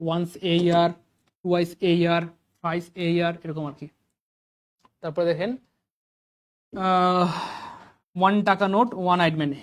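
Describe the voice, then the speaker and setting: A man's voice: sits high, a little mellow. Bangladeshi man teaching English grammar. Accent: Bangladeshi Bengali. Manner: quizzing students with rising questions; drills examples by repetition. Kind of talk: classroom grammar lecture.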